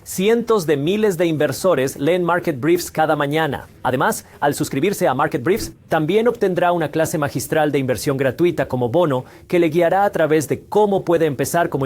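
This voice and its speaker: The host of a finance explainer channel narrates a scripted video dubbed from another language, laying out points in a didactic question-and-answer style. His voice sits on the high side and is a little mellow.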